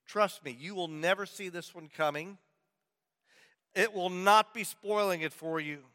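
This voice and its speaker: A pastor preaching a sermon, telling a story playfully and building mock suspense. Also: male voice, high voice, measured pace, pushed and bright. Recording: long hall reverb.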